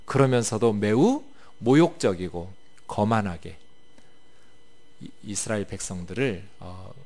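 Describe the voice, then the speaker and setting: A male pastor giving a sermon, explaining a passage and asking the congregation questions. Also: mid-range voice.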